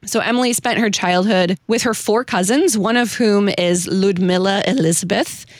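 A podcast host with a mid-range voice and an ordinary pace walks her co-hosts through a story she's researched. Her tone is chatty, enthusiastic and self-deprecating, captured in studio quality with no echo.

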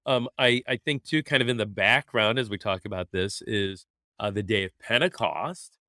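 A man's voice: lowish voice, normal speed, bright, forceful tone, no room sound, clean studio sound. A man, a pastor co-hosting a casual faith podcast, talking in an easygoing way and laughing often. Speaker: pastor, co-host. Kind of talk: casual chat on faith topics.

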